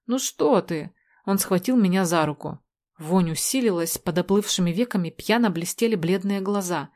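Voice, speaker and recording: A woman narrating a story in the first person in a steady, measured way. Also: fairly low pitch. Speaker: audiobook narrator.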